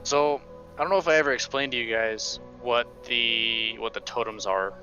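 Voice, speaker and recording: A man's voice: mid-range voice, normal speed, pushed and bright, highs cut off, faint music behind. A man playing a tabletop role-playing game, casually explaining his character's backstory with a lot of hesitation and restarts. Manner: rambling, hesitant, many restarts. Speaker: player.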